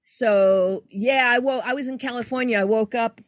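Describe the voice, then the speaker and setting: A woman's voice: a little high, moderate pace, no room sound, studio quality. An older woman, a guest artist, telling a story in casual conversation and acting out the quoted lines. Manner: animated, acts out quoted dialogue.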